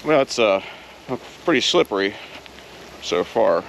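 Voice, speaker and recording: A man's voice: lowish voice, animated, a little slow, vocal fry, slight background noise. A man from Ohio vlogging casually while hiking outdoors on a snowy trail, easygoing and self-deprecating, with frequent filler words.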